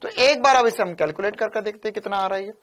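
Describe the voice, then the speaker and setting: A man lecturing on physics in a fairly high voice. He teaches in an animated, teasing way and repeats key lines for emphasis. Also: quick pace. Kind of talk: classroom lecture.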